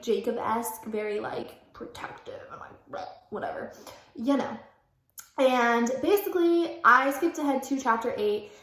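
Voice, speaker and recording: Chatty young woman in an echoey room. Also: on the high side. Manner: self-mocking asides, stops to correct her own reading; chatty, fills speech with "like". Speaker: vlogger. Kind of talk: reading aloud with casual commentary. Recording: roomy echo.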